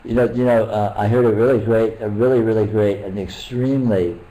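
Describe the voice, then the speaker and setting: An older man, a meditation teacher, talking casually at a retreat in a halting, rambling way with many restarts. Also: lowish voice, steady tone, mellow, highs cut off.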